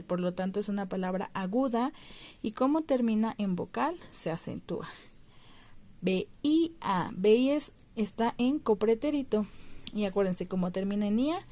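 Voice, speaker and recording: Patient teacher with a mellow voice. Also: female voice, mid-range voice. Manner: patient, explains step by step and stresses syllables. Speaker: primary school teacher. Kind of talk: recorded remote lesson.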